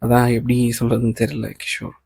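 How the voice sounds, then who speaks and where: Nervous, grateful young woman employee, read by a man in his own gravelly voice, audiobook novel, dry close sound. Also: medium pitch, monotone, fast talker, a little mellow, no room sound. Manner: names the speaker before each line.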